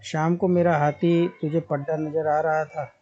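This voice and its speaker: A man's voice: a little high, little pitch movement, a little slow, darkish tone, dull audio, lightly acted. A stern emperor, as a male storyteller reads him. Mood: teasing, stern. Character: stern emperor questioning a commoner.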